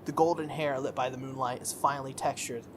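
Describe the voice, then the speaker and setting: Reading a visual novel aloud, this let's player and gaming YouTuber speaks a little fast in a mid-range, steady voice, pausing for relaxed jokes. The background is noisy, with game music playing.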